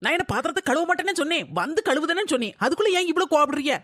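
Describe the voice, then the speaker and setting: A woman's voice: high voice, lively intonation, racing, a bit bright, no room sound, studio quality. Woman playing an indignant young daughter-in-law. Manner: indignant, arguing back.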